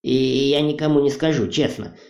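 A man's voice: mid-range voice, vocal fry, a little mellow, close to an everyday voice. A man voicing a frightened, cowardly male cart driver who pleads in a trembling voice, on a muffled, roomy recording. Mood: pleading. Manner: pleading, hurried. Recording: muffled distant roomy recording, faint music.

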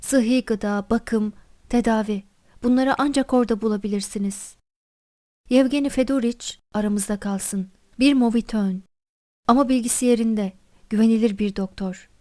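Lady reading as a chummy old postmaster guy, hearty and coaxing, mellow voice. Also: fairly high pitch, fairly even intonation, moderate pace, dry recording, studio quality, natural voice. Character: jovial talkative older male postmaster.

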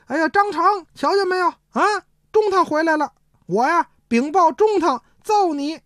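A woman doing a shrill, frantic manservant. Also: lively intonation, very fast, dry recording, studio quality. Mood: agitated. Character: panicky male servant shouting for help.

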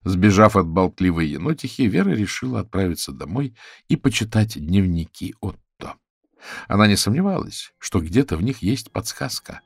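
Gravelly low-voiced male narrator. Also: big pitch swings, moderate pace, no echo, studio quality. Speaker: audiobook narrator. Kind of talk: scripted narration.

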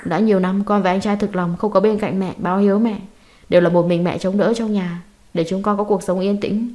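A woman voicing a young son who cries quietly to his unconscious mother. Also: mid-range voice, fairly even intonation, a little fast, lightly acted. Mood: sobbing. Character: young man, tender, sobbing son.

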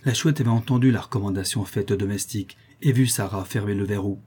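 A man narrating a classic novel as an audiobook in a measured, dramatic way. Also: on the low side, a little mellow, husky. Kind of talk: scripted narration.

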